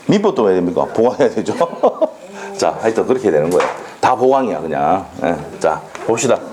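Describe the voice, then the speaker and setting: A man teaching a law exam prep class in a classroom, animated and drilling students with quick questions. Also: fairly low pitch, noisy background. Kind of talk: classroom lecture. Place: lecture classroom.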